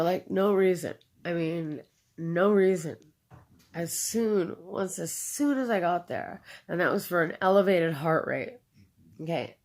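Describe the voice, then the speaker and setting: A woman speaks in a somewhat low register with a rough, gravelly edge. She tells her own story in conversation, pausing on fillers and repeating key phrases for emphasis. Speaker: interviewee.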